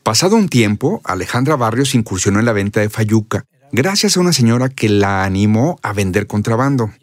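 A man's voice: on the low side, lively intonation, a little fast. A man narrating a documentary in a scripted voice-over.

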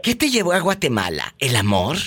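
A man's voice: medium pitch, wildly swooping pitch, fairly quick, a bit bright, slightly rough. A man with a Mexican accent hosting a call-in radio show, theatrical and playful, gasping and exclaiming. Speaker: radio host.

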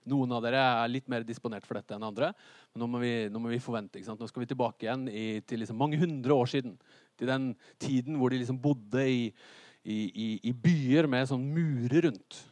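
A man preaching a sermon to a congregation. He is lively and theatrical, asks the hall questions and builds up to shouts. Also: mid-range voice.

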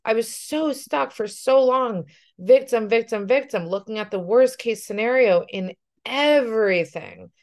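A woman's voice: a little high, unhurried, darkish tone. A woman life coach talking through a casual podcast monologue in an earnest way, often checking in with "right?".

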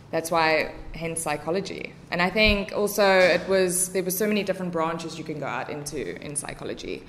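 A young South African woman with a South African accent, chatting casually as a podcast guest and often filling pauses with "um". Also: lowish voice, a bit bright, slight background noise. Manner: chatty, many fillers.

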